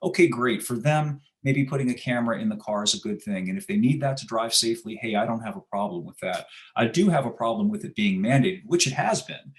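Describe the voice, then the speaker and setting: A man's voice: mid-range voice, a little fast, hardly any pauses. An American man, a guest in an interview, talking in a sardonic, emphatic storytelling way. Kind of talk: casual interview talk.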